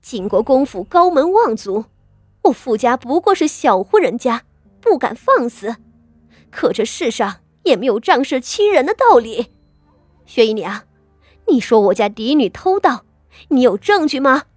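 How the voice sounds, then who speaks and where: A woman's voice: sits high, sing-song, unhurried, darkish tone, dry recording, soft background music, voice pushed up, full character voice. A woman voicing a desperate, tearful wife. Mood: defiant. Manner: pleading, rising to sobs. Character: desperate wronged wife and mother, pleading.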